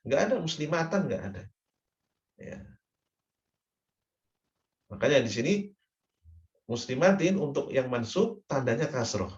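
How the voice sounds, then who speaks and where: A man's voice: medium pitch, big pitch swings, slow, long pauses, darkish tone. A man teaching grammar in a lecture, patiently repeating each term and checking in with short confirmations. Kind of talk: classroom lecture. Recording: roomy, dull lo-fi recording.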